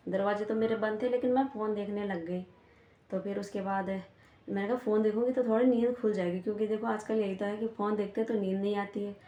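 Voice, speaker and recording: A woman's voice: mid-range voice, mellow, dull audio. A young woman with a Pahadi Hindi accent, chatting casually as she retells a quarrel with a neighbour, full of "I said" asides. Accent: Uttarakhand Pahadi Hindi. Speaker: vlogger. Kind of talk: casual storytelling to camera. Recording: echoey room with faint background noise.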